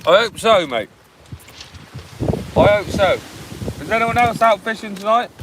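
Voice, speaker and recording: A man with a fairly high voice and a West Country English accent, chatting informally to live-stream viewers. His talk is slangy and casual. He is outdoors, with clear wind noise on the microphone. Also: unhurried. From England. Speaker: live-stream host, angler. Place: outdoors on a windy beach.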